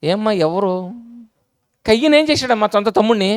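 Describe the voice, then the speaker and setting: A man preaching with a notably high voice, recorded dry and close. He talks to his congregation in a plain, conversational way, repeating his points and firing rhetorical questions at them. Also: animated, fairly quick, clean tone, no echo. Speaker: pastor. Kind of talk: sermon.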